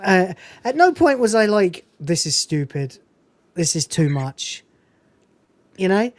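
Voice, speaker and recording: Speaking slowly in a high voice with no echo, a podcast host runs a casual film review. He stays animated throughout, lets the odd swear word slip, and quotes the movie using put-on voices.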